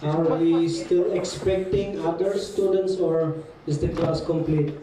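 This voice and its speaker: A German-accented man teaching a class, friendly and teasing, speaking slowly and carefully. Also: fairly high pitch, steady tone, crowd noise. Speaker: guest teacher. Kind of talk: classroom talk. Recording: echoey hall from far off.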